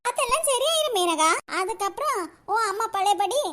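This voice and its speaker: A woman's voice: extremely high pitch, expressive, moderate pace, bright, forceful tone, heavily acted. A woman voicing a sly, meddling older neighbor woman with a Kanyakumari Tamil accent in a cartoon. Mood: coaxing.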